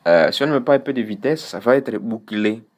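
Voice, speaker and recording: A man teaching a public speaking lesson over a video call, explaining patiently with frequent pauses. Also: medium pitch, animated. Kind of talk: online one-on-one lesson.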